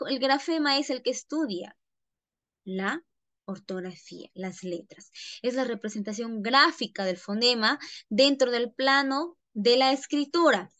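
A woman's voice: sits high, a bit bright, no echo. A woman teacher giving an online lesson, often checking in with her students by asking "¿ya?" and calling them "chicos".

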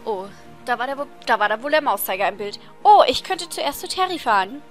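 A woman's voice: a little high, sing-song, a little fast, faint music behind. A woman playing a video game and commenting casually, reading the game text aloud in a chatty, easily frustrated way. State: tired voice. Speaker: let's play host.

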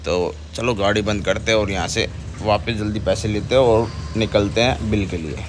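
A young man narrates a motovlog from his bike. He chats easily and points things out to his viewers. His voice sits a little low, and traffic and engine noise run underneath it, picked up by a camera mic outdoors. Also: steady tone, normal speed. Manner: chatty, points things out to viewers while riding. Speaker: vlogger. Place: on a motorbike on city roads outdoors. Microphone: helmet or chest camera mic while riding.

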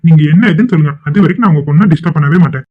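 A man voicing a smooth young cartoon suitor. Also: fairly high pitch, rapid-fire, close to an everyday voice. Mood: polite. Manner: polite and ingratiating. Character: smooth-talking young male college suitor. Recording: tinny phone-like audio.

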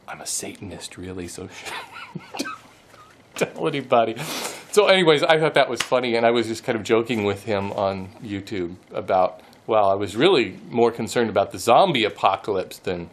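A man in his forties, a woodworking channel host, chatting casually and laughing often while holding the camera at arm's length in his home wood shop. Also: medium pitch. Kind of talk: casual vlog chat. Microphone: handheld camera at arm's length.

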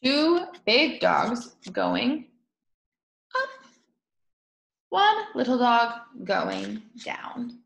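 A woman in her twenties reading a picture book aloud to young children in an expressive way, with drawn-out words. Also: fairly high pitch, gravelly, slight background noise. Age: 20s. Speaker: storybook reader. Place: small room at home, indoors. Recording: echoey room.

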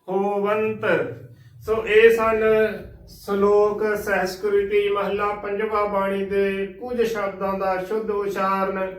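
A man's voice: sits high, fairly bright tone, reverberant, distant mic. A man with a Punjabi accent teaching correct pronunciation of scripture, patiently spelling words letter by letter and repeating the right form. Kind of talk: recorded instructional lesson.

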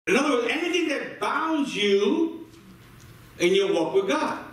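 High-voiced male preacher in echoey sanctuary. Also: sing-song, measured pace, a bit bright, far from the mic. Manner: repeats words while building a point, prompts the congregation. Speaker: pastor. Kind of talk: sermon with call-and-response. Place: church sanctuary.

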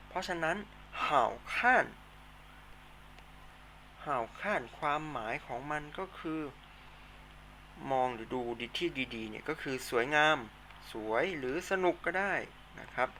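A man's voice: mid-range voice, pushed and bright, a little hiss or hum. A Thai-accented male teacher explaining vocabulary in a patient classroom lesson, repeating words for students to say back. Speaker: Chinese teacher.

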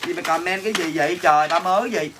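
A man's voice: high voice, very fast, background noise. Brash Southern Vietnamese man doing comic livestream sales banter, clattering dishes behind him. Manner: brash, teasing, answers viewer comments mockingly. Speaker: livestream seller.

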